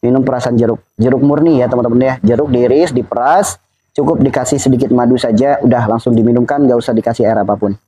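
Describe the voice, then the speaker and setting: Middle-aged male speaker, husky and mellow, preachy religious advice talk. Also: medium pitch, steady tone, fast, poor audio. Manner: preachy, repetitive, laughs between points. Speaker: Islamic health advice speaker.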